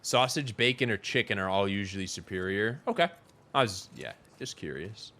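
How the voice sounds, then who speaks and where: Frank streamer man, bright forceful voice. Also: on the low side, sing-song, normal speed. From Wisconsin. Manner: rambling, frank, talks to chat. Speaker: livestreamer. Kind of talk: casual gaming livestream chat.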